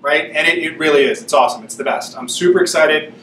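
A man's voice: a little high, fast talker, fairly bright tone, slight background noise. Upbeat man vlogging in an echoey room. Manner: chatty, upbeat, explains as he works. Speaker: shop owner filming a renovation. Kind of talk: casual how-to vlog. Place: shop workroom with low ceiling, indoors. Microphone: on-camera mic, camera at arm's length or set on a stand. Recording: roomy echo.

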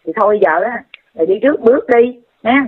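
A woman scolds and advises in a rapid, insistent stream. Her voice is somewhat husky. It comes through a thin, tinny phone line. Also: on the high side, animated. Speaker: commentator addressing someone directly. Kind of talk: casual lecturing call-in talk.

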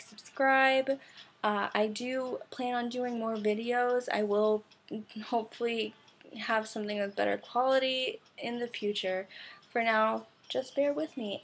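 A young woman reviews her makeup products in a loose, chatty way, with plenty of ums and small laughs. Her voice has a slightly gravelly edge. A faint noise sits under the recording. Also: on the high side. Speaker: beauty vlogger.

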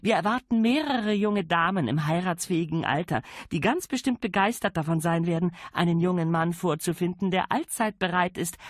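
For an audiobook, a man voices a grand, ample aristocratic lady who is imperious yet briskly polite. He pitches her high with a lively, swinging melody and a cheerful mood, in a dry, close recording.

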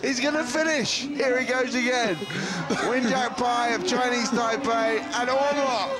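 A man calls a ski race live, chuckling often at the action. His voice sits high and he talks at an unhurried pace. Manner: amused, laughing, excitable. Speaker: ski commentator. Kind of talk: live sports commentary.

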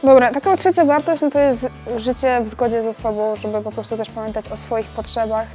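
A woman's voice: fairly high pitch, fairly even intonation, a little fast, mellow, faint music behind. A young woman giving thoughtful interview answers in a living room, recorded on a clip-on microphone. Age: young adult. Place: large living room with sofa.

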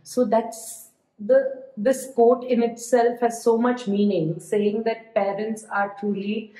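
A woman's voice: on the high side, steady tone, takes it slowly, mellow. A woman co-hosting a podcast, talking reflectively and agreeably with frequent fillers. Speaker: podcast co-host and parenting coach. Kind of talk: casual podcast chat. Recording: roomy, echoey sound.

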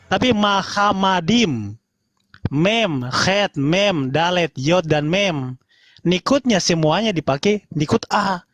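A man in a heated online debate, lecturing combatively and spelling out words slowly to make his point. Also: high-pitched, expressive, no echo.

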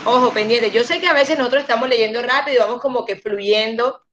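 Patient woman, higher voice, teaching English over a dull-sounding call line. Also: fairly bright tone, slight background noise. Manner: patient, slows down to model pronunciation. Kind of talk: online class instruction.

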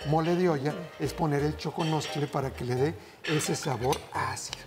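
A man's voice: fairly high pitch, steady tone, normal speed. A middle-aged man hosting a TV cooking show, chatting to viewers as family while he explains each step. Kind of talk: TV cooking demonstration. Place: TV studio kitchen set. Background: background music.

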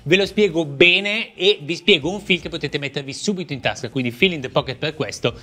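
A man's voice: fairly high pitch, brisk, pushed and bright. A man teaching a drum fill in a casual video lesson, explaining step by step, counting aloud and vocalizing the rhythms.

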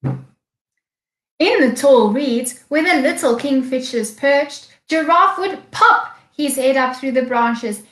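A woman teacher with a South African accent reading a storybook aloud to young children, slow and expressive. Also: high voice. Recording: echoey room.

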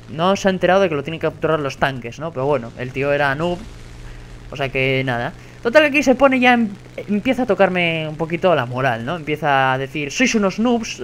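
A young man from Spain with a Spanish accent and a high-pitched voice narrates a gaming story with sarcastic humor. A faint hiss sits under the voice. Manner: sarcastic, storytelling, animated retelling of insults. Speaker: gaming YouTuber. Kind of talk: casual gameplay commentary.

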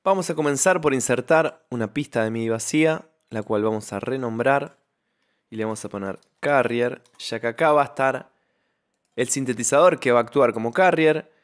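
A man narrates an instructional software tutorial in voice-over, walking through each step into a close microphone. His voice is medium-pitched and he talks at a normal speed.

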